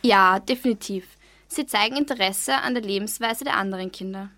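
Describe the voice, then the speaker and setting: A woman's voice: medium pitch, fairly quick, bright, forceful tone, no room sound. A young woman, a trainee kindergarten teacher, carefully reading prepared answers in a radio interview. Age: young adult.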